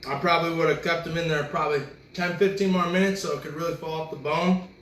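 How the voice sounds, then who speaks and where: Male cooking-show host, relaxed and chatty, slightly high voice, recorded at a distance in an echoey room. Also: quick pace, a little hiss or hum. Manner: talks while chewing, relaxed and chatty. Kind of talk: casual cooking video chat.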